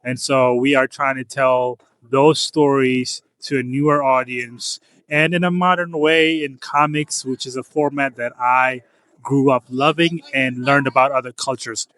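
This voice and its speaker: A man's voice: mid-range voice, fairly even intonation, a little slow, fairly bright tone, clear, resonant tone, no room sound. Earnest man from Ethiopia, dry sound. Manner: earnest, with frequent restarts. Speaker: comics publisher, interviewee. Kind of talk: casual interview answers. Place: comic convention floor.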